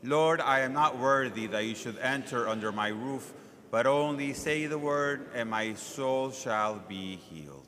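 A man speaking as a priest, reciting solemn liturgical prayers in a measured, reverent way with a long cathedral-like echo. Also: medium pitch, pushed and bright, a little hiss or hum. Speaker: priest celebrating Mass. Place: large reverberant church during Mass. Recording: long echo of a large church.

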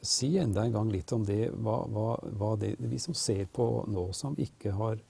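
A man's voice: lowish voice, creaky, darkish tone, breathy edge. A male host leading a Bible discussion, reflective and leading the conversation.

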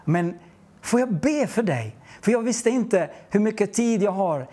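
A man's voice: high-pitched, expressive, dark tone. A man preaching, telling a personal testimony in an earnest, storytelling way and acting out the dialogue. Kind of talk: testimony sermon.

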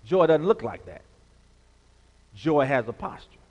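A man's voice: medium pitch, big pitch swings, measured pace, a little mellow, muffled recording. A man preaching a sermon as pastor, leading the congregation in call-and-response with repeated phrases and rising emphatic passages. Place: church sanctuary. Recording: long hall reverb.

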